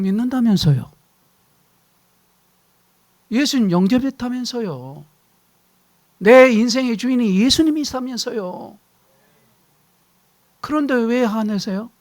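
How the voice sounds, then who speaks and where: A middle-aged man preaching a sermon as pastor, animated, acting out shouted household quarrels. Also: very high voice.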